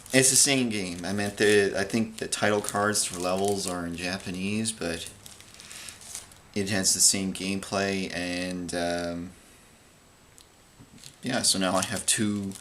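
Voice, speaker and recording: In this casual, unplanned show-and-tell, a video game collector vlogger talks through the games he's bought, rambling and restarting with plenty of fillers. He's a native English speaker with a low, slightly bright voice, and there's a little background noise.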